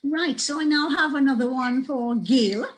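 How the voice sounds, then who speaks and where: A Trinidadian woman moderating a webinar panel, speaking warmly but firmly in quick bursts. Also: high-pitched, poor audio. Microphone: video call.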